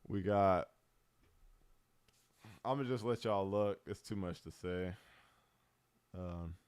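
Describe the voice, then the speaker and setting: A male streamer giving laid-back, rambling commentary while ranking movies, with loose slang and frequent pauses. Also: sits low, darkish tone, smooth, no echo. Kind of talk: casual tier-list commentary.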